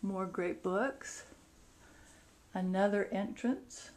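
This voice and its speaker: Drawing out her words in a medium-pitched, somewhat mellow voice, a woman gives a casual walk-through of her rental house. She moves from room to room with short descriptions. It's a noisy recording from a handheld camera's onboard mic.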